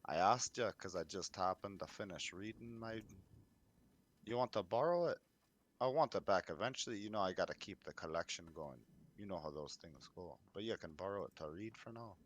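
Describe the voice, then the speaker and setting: Man voicing an easygoing adventurer, tabletop game, casual, folksy, lowish. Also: expressive, a little fast. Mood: friendly. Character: easygoing male adventurer who collects books. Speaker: player.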